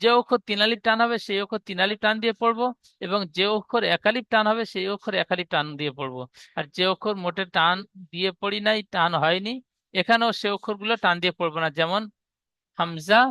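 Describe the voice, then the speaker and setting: Bright, high-voiced male teacher. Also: clear, resonant tone, dry recording. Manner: patient, repeats each rule slowly. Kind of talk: teaching Arabic letter reading.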